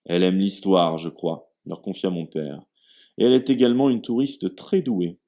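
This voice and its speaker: A man's voice: deep voice, moderate pace, warm tone. A man voicing a genial middle-aged father, a former scholar, in a contented tone.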